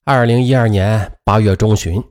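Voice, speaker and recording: A man's voice: fairly low pitch, normal speed, slight background noise. A man narrating a dramatized true story as a radio storyteller, talking straight to his listeners. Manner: lively, addresses listeners directly.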